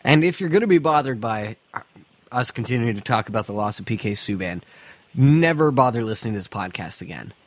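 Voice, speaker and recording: A man's voice: medium pitch, animated, a little fast. A man hosting a casual sports podcast from an attic, speaking bluntly and profanely with strong opinions. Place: attic of a house, recording in summer heat.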